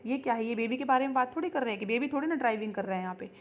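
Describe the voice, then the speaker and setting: A woman's voice: a little high, slight background noise. Woman teacher explaining grammar patiently. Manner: explains patiently in Hindi, reads English examples slowly; repeats ठीक है as a check-in. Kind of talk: recorded online grammar lesson.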